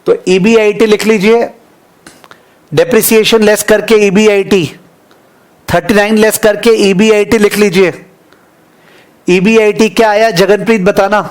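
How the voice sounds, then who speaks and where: A male finance teacher running a live online class, slowly repeating figures for dictation and teasing students by name, with an Indian English accent. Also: high-pitched, fairly even intonation.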